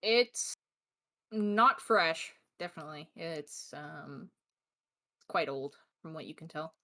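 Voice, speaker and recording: A woman's voice: sits low, animated, takes it slowly, pushed and bright. A woman narrating as game master for a tabletop game, hesitant and full of fillers.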